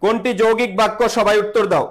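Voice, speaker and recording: A man's voice: high voice, fairly even intonation, quick pace. A man teaching grammar in a live online class, repeating rules and quizzing students with call-and-response questions, slipping in English words. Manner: mixes English words into speech.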